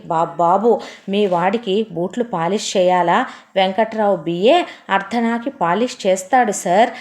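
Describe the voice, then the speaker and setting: A woman's voice: mid-range voice, darkish tone. Woman narrating an impassioned monologue. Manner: bitter, impassioned first-person monologue. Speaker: storyteller. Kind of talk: dramatic story narration.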